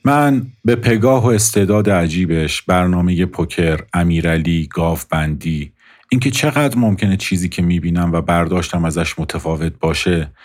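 A man calmly narrating a scripted first-person story in a measured way. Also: low-pitched.

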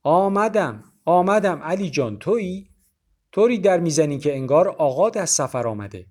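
Man playing a house servant, eager, friendly, hurried, higher pitch. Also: very animated, darkish tone.

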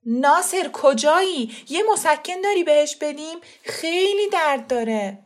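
An anxious uncle, as a woman reader plays him in a storybook reading. He pulls out his words slowly and urgently, a little higher than the narration. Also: expressive, fairly bright tone. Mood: worried.

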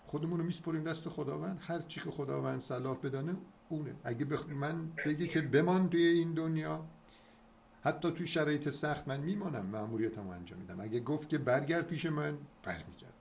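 A man's voice: a little high, creaky. A man speaking didactically and affirmingly in an advisory conversation over a landline phone. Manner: didactic, affirming, recites verse. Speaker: doctor hosting the call. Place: telephone call. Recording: narrow landline phone, noisy line.

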